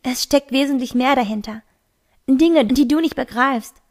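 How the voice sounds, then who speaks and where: A woman's voice: high voice, normal speed, darkish tone. A woman voicing a secretive teenage girl who defends herself to a friend, in an amateur audiobook reading. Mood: curt. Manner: evasive, reassuring.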